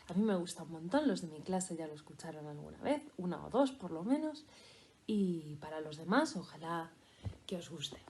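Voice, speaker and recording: A woman teacher reading a children's story aloud in an expressive, playful way. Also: lowish voice. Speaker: primary school teacher.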